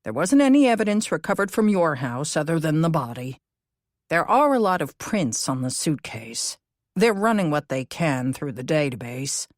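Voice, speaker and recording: A woman narrator voicing a calm, cautious man who explains things in a measured way in a cozy mystery audiobook. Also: low voice, no room sound, studio quality. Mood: matter-of-fact.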